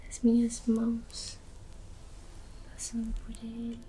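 A Brazilian woman doing an ASMR role-play as a massage therapist, soothing and gently guiding in a soft, breathy soft voice. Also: a little high, completely flat delivery, takes it slowly, slight background noise.

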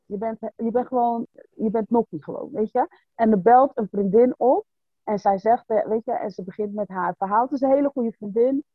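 Woman coach, slightly high voice, dry tinny phone-like sound, patient explainer for a podcast chat. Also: brisk, dry recording. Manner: explains patiently with frequent "snap je?" and "weet je". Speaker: coach and workshop teacher. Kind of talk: casual podcast conversation.

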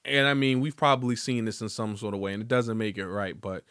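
Man, podcast host, casual rambling monologue, profane, clear resonant voice, dead dry sound. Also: on the low side, steady tone, fast, fairly bright tone, no echo. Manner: rambling, profane, loose and joking.

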